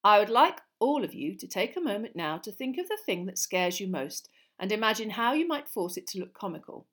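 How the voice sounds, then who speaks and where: A woman voicing a calm, encouraging male professor of magic in storybook dialogue, explaining things in a measured, teacherly way. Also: medium pitch. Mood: instructive. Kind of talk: acted audiobook dialogue.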